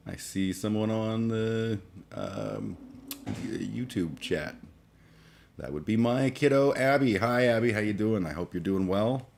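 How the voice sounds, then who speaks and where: A gravelly man in his forties with a lowish, darkish voice hosts a casual livestream chat, groggy after a late night. He rambles haltingly, full of fillers, restarts and cursing, with slight background noise.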